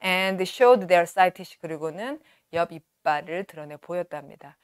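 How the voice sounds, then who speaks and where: A woman in her forties teaching in a studio, reading passages slowly and clearly, then explaining in quick asides. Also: fairly low pitch, animated, no room sound. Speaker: English teacher. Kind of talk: lecture on a novel, reading lines aloud and explaining. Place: studio with a virtual backdrop. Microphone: lapel mic.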